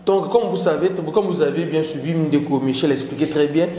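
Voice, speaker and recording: Mellow male host. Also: on the high side, a little fast, echoey room, long reverb tail, a little hiss or hum. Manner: interjecting, mixes French and Lingala. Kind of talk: political talk show discussion.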